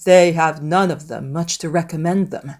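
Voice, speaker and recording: Woman acting long-suffering gentleman, wry, teasing, unhurried, sarcastic, period audiobook drama. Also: sits low, pitched below the performer's own voice. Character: dry, sarcastic middle-aged gentleman, long-suffering husband.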